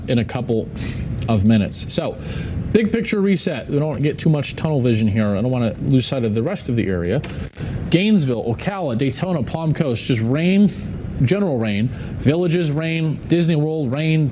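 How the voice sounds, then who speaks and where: A man's voice: mid-range voice, noisy background. A man working as a TV meteorologist, talking through live storm coverage unscripted, thinking aloud and repeating points for emphasis.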